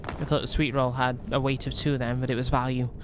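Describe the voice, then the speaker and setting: This gaming streamer is a young man from Wales whose Welsh accent is light and toned down. Speaking in a brisk, level, mid-range voice over a very noisy background, he rambles through casual gameplay chat with his viewers, often starting his sentences over.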